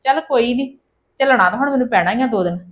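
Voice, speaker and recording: A woman playing a complaining, sharp-tongued daughter-in-law in a family drama. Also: on the high side, quick pace, close to an everyday voice. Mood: grumbling aside. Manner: complaining, sarcastic, mutters asides.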